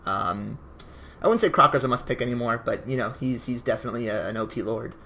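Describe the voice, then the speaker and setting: A man's voice: medium pitch, fast talker, bright, forceful tone. A young man giving casual, rambling commentary over a strategy game battle, with jokey self-mocking asides. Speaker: gameplay commentator.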